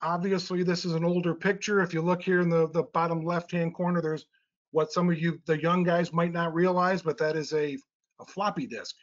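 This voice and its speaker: A man's voice: a little high, little pitch movement, a little fast. A middle-aged man presenting technical slides in a webinar, explaining step by step with frequent uh and um fillers. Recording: slightly dull lo-fi webinar audio.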